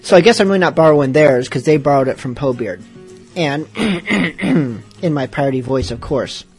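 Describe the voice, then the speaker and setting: A male podcast host talks casually and drifts into rambling, self-mocking asides. His voice sits slightly high for a man. Faint music plays under part of the talk. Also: expressive, moderate pace. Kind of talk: casual radio-show chat.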